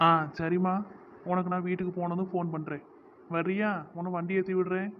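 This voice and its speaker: A woman's voice: on the low side, level tone, fairly quick, narrow, tinny audio, slight background noise, lightly acted. Woman voicing an earnest young village man. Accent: southern Tamil village dialect. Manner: apologetic, earnest.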